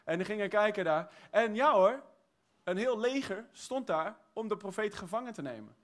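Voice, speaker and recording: A man preaching a sermon, exuberant, swinging from shouted praise to quiet, chatty storytelling. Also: sits high, expressive, moderate pace. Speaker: pastor.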